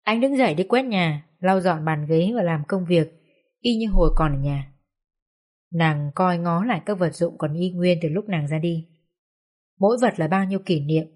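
A woman reading a social drama story aloud in a calm, measured way. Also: on the low side. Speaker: story reader. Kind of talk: audiobook narration.

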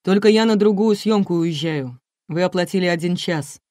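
A woman reading as a brisk curt makeup artist. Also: on the low side, a little mellow, no room sound, studio quality, close to an everyday voice. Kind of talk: audiobook reading.

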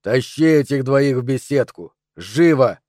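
A man voicing a menacing male thug with a split personality, gruff and contemptuous. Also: medium pitch, animated, measured pace, a little mellow, no echo, clean studio sound, natural voice.

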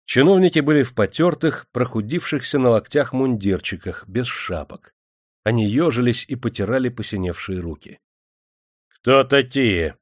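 A man's voice: medium pitch, expressive, normal speed, no echo. Dry-voiced man narrating an audiobook.

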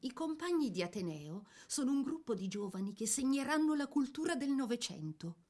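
In a staged biography, a woman narrator presents a dead poet's life through photographs, speaking in scripted, measured phrases with pointed pauses. Her high voice is very animated yet a little mellow, and the mood is informative in this theatrical dramatic narration.

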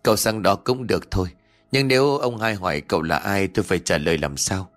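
A blunt, fussy older village man scolds in quick, low tones, as a male storyteller plays him. His speech is brisk and plain, a warm neighbor with no patience for nonsense in this storybook reading. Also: faint music behind, close to an everyday voice. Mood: wary.

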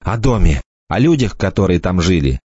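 A man's voice: low-pitched, very animated, moderate pace, a little mellow, slightly rough, no room sound, full character voice. A male narrator voicing a scared young man who stammers and pleads while held at knifepoint, in a dull, dry recording. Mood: stammering, pleading.

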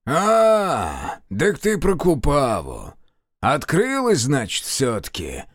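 A man voicing a fierce, scornful old village sorcerer who speaks bluntly in rough rustic speech and swears. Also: medium pitch, sing-song, a little slow, no echo, clean studio sound, voice pushed up. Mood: gruff.

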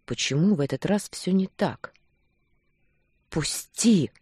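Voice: medium pitch, lively intonation, moderate pace, warm tone, dry recording, studio quality. An audiobook reader narrating a first-person romance with intense, emotional delivery.

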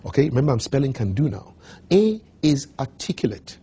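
A man's voice: mid-range voice, big pitch swings, a little fast, warm tone, husky. A man giving an emphatic coaching talk as a motivational speaker, repeating his key points.

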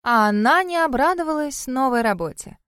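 Женщина озвучивает игривую семихвостую лисицу-духа из аудиокниги, которая дразнит и смеётся. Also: female voice, high-pitched, lively intonation, moderate pace, fairly bright tone, clear, resonant tone, no room sound, clean studio sound, voice pushed up. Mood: teasing. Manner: teasing, laughing, mocking. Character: playful seven-tailed female fox spirit. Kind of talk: audiobook reading.

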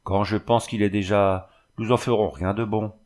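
A man's voice: on the low side, steady tone, normal speed, darkish tone, natural voice. A man reading as a tearful village mother. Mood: plaintive. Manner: plaintive, tearful.

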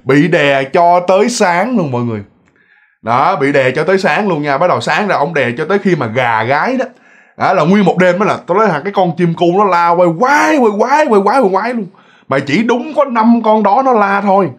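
A man with a high-pitched, expressive voice tells ghost stories briskly in a Southern Vietnamese accent. He chats with his audience directly, repeating himself in a casual storytelling style.

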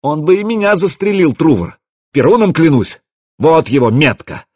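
A man voicing a furious Viking warrior who shouts hysterically, in an audiobook reading. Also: mid-range voice, expressive, normal speed, breathy edge, dry recording, clean studio sound, voice pushed up. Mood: furious shouting.

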